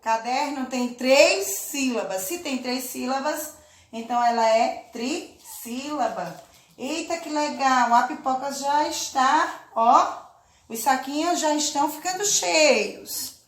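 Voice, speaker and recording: A woman teaching a children's lesson, speaking slowly and patiently, drawing out words and often checking in with her listeners. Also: high-pitched, roomy sound. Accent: Brazilian Portuguese. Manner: slow, patient, drawn-out syllables with check-in questions. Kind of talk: children's lesson, clapping out syllables.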